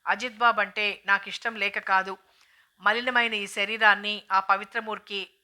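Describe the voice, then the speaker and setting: A woman's voice: medium pitch, steady tone, moderate pace, pushed and bright. A woman reading the lines of a shy, troubled young woman who speaks hesitantly. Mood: sad.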